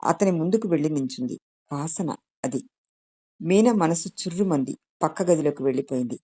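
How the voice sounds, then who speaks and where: A woman calmly reading a written story aloud as narration. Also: deep voice, normal speed, dry recording, studio quality. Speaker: story reader. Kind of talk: scripted audiobook narration.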